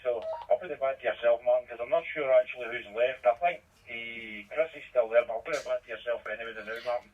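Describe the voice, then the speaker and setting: A man's voice: mid-range voice, fast talker, hardly any pauses. A man on amateur radio telling an easygoing story with hesitations. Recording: distant, muffled radio transmission.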